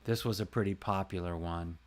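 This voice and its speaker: Male streamer, lower register, loose rambling chat straight to his viewers, close mic. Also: fairly even intonation, fairly quick. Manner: rambling, chatty, talks to viewers by name. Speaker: livestream host and voice actor. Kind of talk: casual livestream chat. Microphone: close desk mic.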